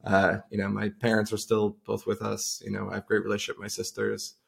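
Gravelly and fairly low, his delivery is quick and monotone. The speaker is a middle-aged tech entrepreneur from Long Island who chats casually as a podcast guest, telling stories in a loose, anecdotal way during a conversational interview.

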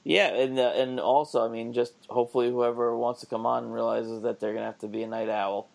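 A man's voice: medium pitch, flat delivery, brisk, gravelly, a little mellow. A man co-hosting a podcast late at night, tired and laughing often in casual chat. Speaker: podcast co-host.

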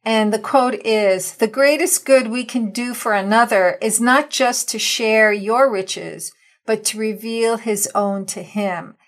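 This woman's voice sits on the high side, and she takes things slowly. As host of an interview podcast, she reads intros and promos from a script, then chats with guests in an earnest, encouraging manner.

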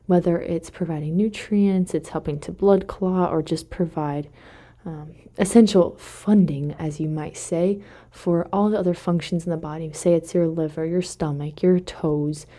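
Mellow low-voiced woman hosting a faith podcast. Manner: thinking aloud, with self-corrections. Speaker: devotional podcast host. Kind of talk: casual faith reflection talk.

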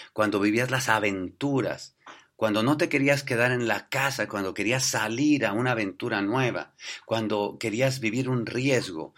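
A man's voice: lowish voice, a bit bright. A man giving a motivational business talk, telling stories and tossing rhetorical questions at his listeners. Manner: storytelling, addresses listeners as "muchachos", tag questions.

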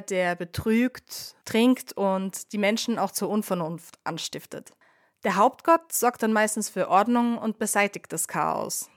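With a cold audible in her mid-range voice, a podcast host who also works as a bartender tells history through witty scripted narration and ironic asides. The studio sound is clean, with no echo.

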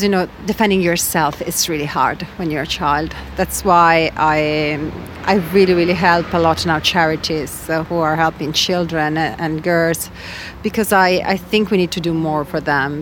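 A woman's voice: low voice, slight background noise. A woman from Italy, speaking as a guest in an interview, hesitant with many fillers and repeated words for emphasis. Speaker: guest activist. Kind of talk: interview conversation.

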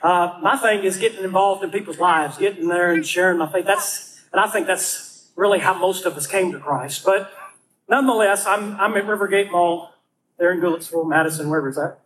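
A pastor preaches in a lively storytelling style and acts out each quote in a raised voice. His voice sits high for a man. A faint hiss runs under the recording. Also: a little fast, rough recording. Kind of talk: storytelling sermon.

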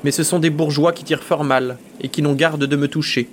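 A man reading aloud, giving a slightly raised, louder voice to a calm, courteous male musketeer who mocks danger. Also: a little high, brisk, a little hiss or hum, natural voice. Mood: nonchalant. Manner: mocking courtesy under fire.

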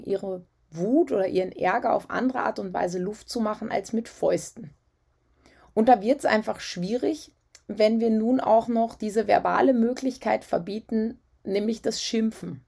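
Woman, parenting coach, husky slightly breathy voice, casual advice talk. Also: mid-range voice, darkish tone. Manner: conversational, frequent "ja" and "ähm" fillers.

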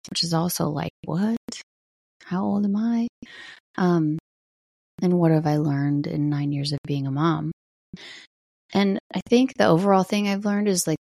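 Low, creaky-voiced woman reflecting casually. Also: dark tone, no echo, clean studio sound. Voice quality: low morning voice. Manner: reflective, conversational. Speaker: podcast host. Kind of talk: casual personal check-in monologue.

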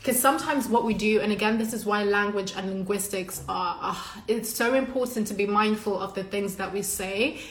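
With a mid-range voice at normal speed and few pauses, a live-stream host and coach from Zimbabwe, a first-language Shona speaker, motivates an online audience. The talk is casual, earnest and emphatic, with free swearing like a coach among friends, recorded in an echoey, reverberant room.

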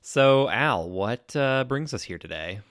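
A man co-hosting a podcast in casual chat, slightly congested from allergies, relaxed and chatty. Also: medium pitch, unhurried, no room sound, studio quality. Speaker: podcast co-host.

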